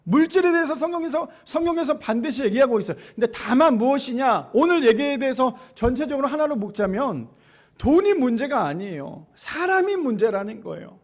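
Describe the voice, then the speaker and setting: A man's voice: very high voice, very animated, a little fast. A man preaching a Sunday sermon as pastor, telling stories and putting questions to the congregation. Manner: storytelling, asks the congregation questions and answers them. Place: church sanctuary.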